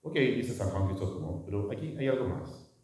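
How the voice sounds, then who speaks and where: A man, a priest, giving a lively lecture with rhetorical questions and acted-out dialogue. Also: lowish voice, normal speed. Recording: echoey hall, voice from far off.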